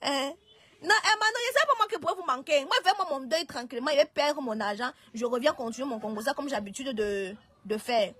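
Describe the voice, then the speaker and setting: A woman's voice: high voice, fairly quick, fairly bright tone, no echo. A woman talking on a live stream, hesitant, often restarting and pleading. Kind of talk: casual live-stream talk.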